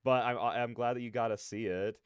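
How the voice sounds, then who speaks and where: A man's voice: mid-range voice, fairly even intonation, brisk, clean tone, dry recording, clean studio sound. A man hosting a livestream, chatting casually and animatedly in slangy, rambling opinions. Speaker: livestreamer, reaction host. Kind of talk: casual livestream chat with viewers.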